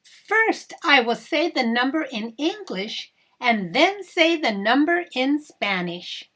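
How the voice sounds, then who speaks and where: This woman hosts a kids' show, her high, fairly bright voice moving slowly through big pitch swings. She sing-songs to young children and asks them to echo her, backed by children's music.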